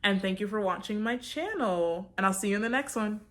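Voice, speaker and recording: A woman's voice: mid-range voice, a little fast. Chatty young woman telling a storytime. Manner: chatty, says like a lot, acts out her own reactions. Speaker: vlogger. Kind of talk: casual storytime.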